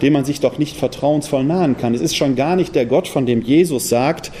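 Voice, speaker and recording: A man from the Ruhr area in Germany giving a public lecture in a parish hall, talking quickly and posing pointed rhetorical questions. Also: mid-range voice, dark tone, slight background noise.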